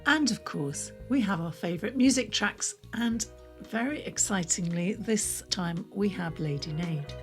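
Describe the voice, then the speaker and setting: A woman's voice: medium pitch, animated, unhurried, over music. Woman co-host, cheerful scripted intros. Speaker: podcast co-host.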